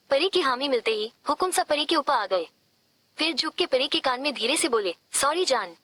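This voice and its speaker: Woman, audiobook narration, high voice, soft steady reading. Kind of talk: scripted narration of a romance novel.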